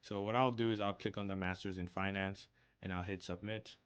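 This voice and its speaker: A young South African YouTuber talks casually through an online application in a screen-share walkthrough, thinking aloud with frequent ums. His low voice is clear and resonant, with fairly even intonation. He speaks a little fast.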